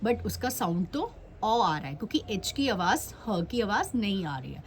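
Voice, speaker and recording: A woman's voice: medium pitch, very animated, moderate pace, slight background noise. A woman teaching English grammar to children, asking questions and answering them herself, mixing English phrases into her Hindi.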